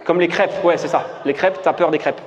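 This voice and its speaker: A man's voice: fairly high pitch, steady tone, brisk. A man with a southern French accent doing improvised stand-up crowd work, teasing and mocking audience members and echoing their answers back to them. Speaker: stand-up comedian. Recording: live comedy room, loud crowd laughter and noise. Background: audience laughing and loud room noise.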